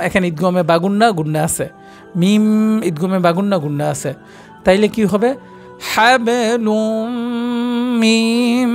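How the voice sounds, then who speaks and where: A man with a Bangladeshi Bengali accent teaching Quran recitation, who explains quickly and then chants each verse slowly. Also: high-pitched. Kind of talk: lesson with slow chanted recitation.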